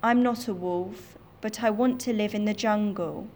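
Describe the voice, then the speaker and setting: A woman's voice: mid-range voice, normal speed, a little mellow, close to an everyday voice. A woman voicing a brave young boy raised by wolves, speaking in earnest, simple phrases. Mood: calm.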